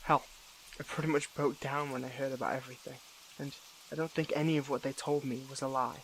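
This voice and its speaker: In a dramatic audio roleplay, a man voices a weary, defiant young superhero, speaking haltingly and broodingly to the listener. His natural voice sits at medium pitch with little pitch movement and some vocal fry, and there is heavy background noise.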